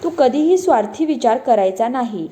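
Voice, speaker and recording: A woman voicing a kind, wise sky fairy in a children's story, speaking calmly and soothingly. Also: on the high side, moderate pace, slight background noise, lightly acted. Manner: calm, soothing delivery.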